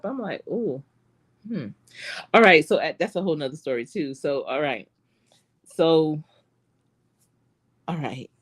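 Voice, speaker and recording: This husky, lowish voice belongs to a middle-aged life coach with a Charlotte accent. Chatting casually on a live stream, she tells her viewers animated stories punctuated by plenty of laughter.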